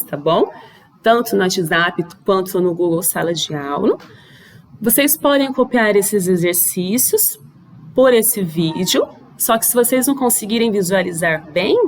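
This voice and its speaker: A woman teacher with a Brazilian Portuguese accent, recording a slide lesson for schoolchildren and often checking that they follow. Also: medium pitch. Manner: slow, patient, with frequent checking questions.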